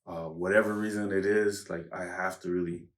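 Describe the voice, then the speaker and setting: Low monotone guy chatting slowly on a podcast, kinda hesitant, echoey room. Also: recorded from a distance. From United States. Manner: unhurried, hesitant, reflective. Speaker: podcast guest. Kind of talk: casual chat.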